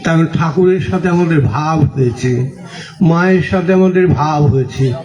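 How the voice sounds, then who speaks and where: A man with a Bengali accent giving a sermon as a monk, asking the audience questions and answering them himself, telling stories with gentle humor. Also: on the high side. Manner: unhurried storytelling with gentle humor. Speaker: monk giving a religious talk. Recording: echoey, dull lo-fi recording.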